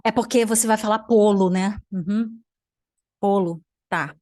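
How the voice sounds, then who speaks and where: A woman's voice: mid-range voice, steady tone, normal speed, dark tone, dry recording, studio quality. A young Brazilian woman, a language teacher, giving sarcastic reaction commentary while thinking aloud and trailing off into mutters. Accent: Brazilian Portuguese.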